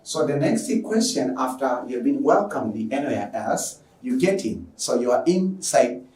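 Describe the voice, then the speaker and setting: A man's voice: mid-range voice, animated, a little slow, a little mellow. A man with a Tanzanian accent giving a formal lecture introduction as an online teacher, speaking emphatically and repeating his phrases. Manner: formal, emphatic, repeats phrases, poses questions and answers them. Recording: echoey room, distant microphone.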